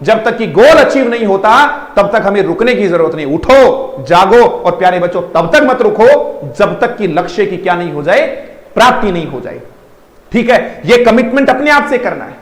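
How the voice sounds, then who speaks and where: Indian guy teaching english vocab, high voice, echoey room, keeps checking if students get it. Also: lively intonation. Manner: mixes Hindi with English phrases, keeps checking "are you getting me?"; slows down to spell out and repeat words. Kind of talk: online class lecture.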